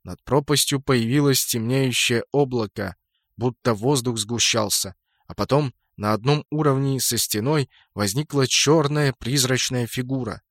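A man narrating a fantasy audiobook in a steady, measured storytelling voice. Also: medium pitch, dry recording, studio quality. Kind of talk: scripted narration.

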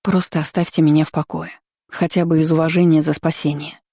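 A woman's voice: deep voice, flat delivery, a little fast, gravelly, warm tone, breathy edge, no echo, clean studio sound, full character voice. A woman voicing a frightened young woman healer who pleads urgently. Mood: pleading.

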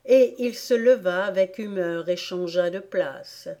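A woman narrates a storybook in a calm, unhurried manner. Her pace is slow and her tone mellow and soft. It sounds like a classic read-aloud audiobook. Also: medium pitch. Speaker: audiobook reader.

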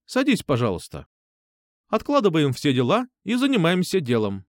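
A man's voice: fairly high pitch, huge pitch swings, moderate pace, no room sound, studio quality, pitched above the performer's own voice. A man voicing a stern, exasperated woman schoolteacher scolding a pupil.

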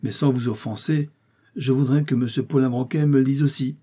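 Tough street brawler guy, a male reader puts him on, insistent and slangy, mellow husky voice. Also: mid-range voice, fairly even intonation, a little fast, natural voice. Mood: wary. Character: brawny male Paris street thug, loud, wary.

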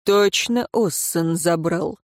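A haughty noble advisor, as a woman reader voices him, lowering and slowing her voice into a self-satisfied drawl. Commanding and smug, read for a dry audiobook. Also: no room sound.

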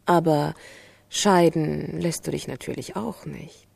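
Jealous cyber lady program in a radio play, low husky gravelly voice, grills her man. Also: takes it slowly, darkish tone, exaggerated voice. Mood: bitter, suspicious. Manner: accusing, jealous, interrogating. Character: jealous, suspicious female AI program, a virtual lover.

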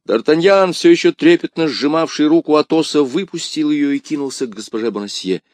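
A man reading a historical adventure novel aloud in expressive, dramatic narration. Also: on the high side, fairly quick, no echo. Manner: expressive, vivid. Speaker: audiobook narrator.

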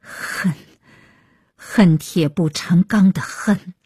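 A woman narrating a story as an audiobook reader, in a measured, expressive way. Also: fairly low pitch, breathy edge.

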